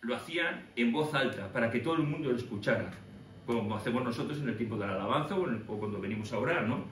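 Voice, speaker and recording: A man preaching a lively sermon, telling the story with animated acted-out voices. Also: medium pitch, fast, distant mic. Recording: echoey room from afar with faint noise.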